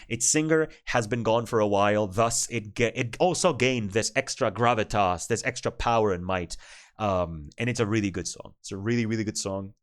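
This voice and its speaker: A man from Argentina, chatting casually and playfully with his stream chat and swearing freely. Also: fairly low pitch.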